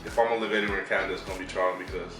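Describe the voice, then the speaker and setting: A man's voice: deep voice, fairly even intonation, very fast. A young man, a rapper, chatting casually, hesitant and slangy, often laughing. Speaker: guest, rapper. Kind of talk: casual chat. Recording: echoey room, mic at a distance, music behind.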